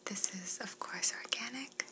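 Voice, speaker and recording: A woman's voice: mid-range voice, unhurried, lightly acted. A young woman playing an attentive, courteous flight attendant in a whispered role-play, speaking politely as she offers service. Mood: courteous, soothing. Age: young adult.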